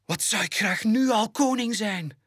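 A man putting on a bouncy little lion cub for a storybook, way up high and squeaky, flemish accent, all excited and eager. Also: normal speed, husky, no room sound, studio quality, full character voice. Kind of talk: storybook read-aloud.

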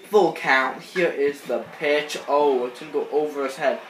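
Heard as an off-screen voice-over on baseball gameplay, the host talks at a moderate pace in a voice on the high side. He's got a cold and keeps sniffling, wandering through casual commentary full of fillers and false starts, with the echoey room adding faint noise.

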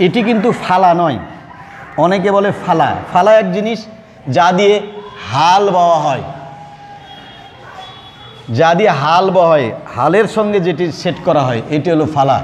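A man's voice: sits high, animated, moderate pace, pauses often, in a large hall, slight background noise. A man teaching an online grammar lesson, explaining step by step and repeating key words. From Bangladesh.

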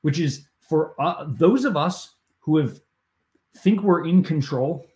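A man's voice: a little high, lively intonation, takes it slowly, dark tone. A man hosting a coaching podcast, talking enthusiastically in casual conversation and often stumbling over repeated words.

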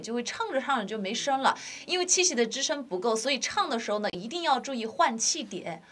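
A woman's voice: fairly high pitch, a bit bright, a little hiss or hum. A woman vocal teacher giving a singing lesson, explaining patiently and demonstrating phrases and sighs.

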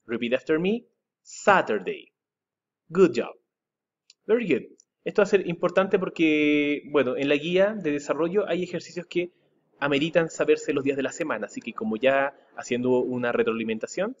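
Guy teaching english online, slow drills, spells stuff out, kinda muffled audio. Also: medium pitch. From Chile. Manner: slow drilled repetition, spelling words letter by letter; switches between English and Spanish explanations. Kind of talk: recorded online lesson. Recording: dull lo-fi home recording.

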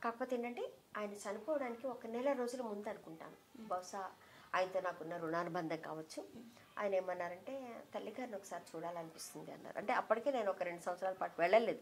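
A middle-aged woman as an interview guest, telling a personal memory with heartfelt emotion and softening her voice when she quotes others. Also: medium pitch, fairly quick, a little hiss or hum. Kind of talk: reminiscing in an interview.

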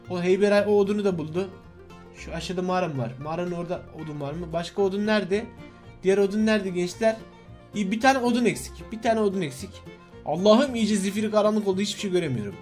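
A young man with a high voice rattles off excitable gameplay commentary at a rapid clip. He laughs and shouts in alarm while talking to his viewers, with faint music playing underneath. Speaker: gaming YouTuber.

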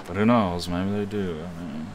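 Deep-voiced man rambling over a video game. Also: fairly even intonation, normal speed. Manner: profane, self-deprecating. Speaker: gamer doing a playthrough. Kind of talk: casual, rambling game commentary. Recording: noisy background hum.

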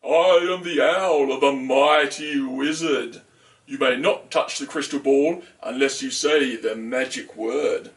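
A man voicing a stern, wise male owl in a children's story, speaking slowly and in a lowered voice. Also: far from the mic, natural voice. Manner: slow, stately and lower-pitched.

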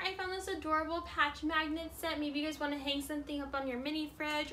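A woman's voice: high voice, bright, forceful tone, slight background noise. A woman in her twenties chatting casually to camera in a chirpy haul-video style, peppering her informal talk with "like". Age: 20s. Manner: frequent "like" as filler, informal.

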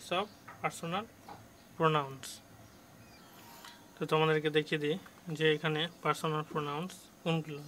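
A male tutor, teaching a grammar lesson to children and slowly explaining and reading English passages aloud. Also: a little high, pushed and bright, a little hiss or hum.

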